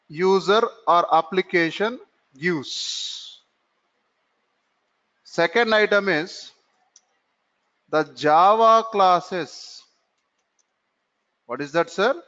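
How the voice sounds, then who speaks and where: A man teaching a computer class, speaking slowly, repeating phrases and asking himself questions before answering them, in a classroom. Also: fairly high pitch, fairly bright tone. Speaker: computer course instructor. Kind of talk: classroom lecture. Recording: dull lo-fi recording in a reverberant room.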